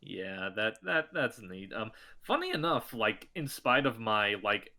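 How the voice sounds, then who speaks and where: This male voice actor, appearing as a guest on a casual podcast, tells stories in a loose, rambling way packed with fillers. His voice sits on the low side, animated and unhurried, with a sharp edge.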